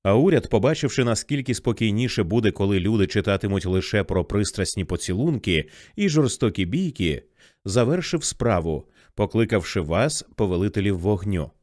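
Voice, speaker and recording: A weary old scholar lectures with bitter regret, as a man reads him in an audiobook. The voice is low and swings widely in pitch, recorded dry and close. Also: lively intonation, moderate pace, darkish tone, no room sound. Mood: reflective. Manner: lecturing, rueful.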